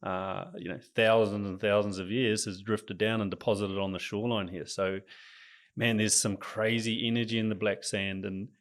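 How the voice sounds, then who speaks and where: A man's voice: fairly low pitch, normal speed. A man with a New Zealand accent, a coach chatting as a podcast guest in an easygoing, enthusiastic way. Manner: relaxed, enthusiastic about nature. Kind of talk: casual interview chat.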